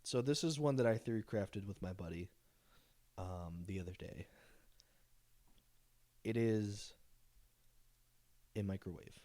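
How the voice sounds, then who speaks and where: A young man co-hosting a casual podcast chat, excitable and boastful, swearing freely as he talks about the games he runs. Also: lowish voice, unhurried, long pauses. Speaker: podcast co-host and dungeon master.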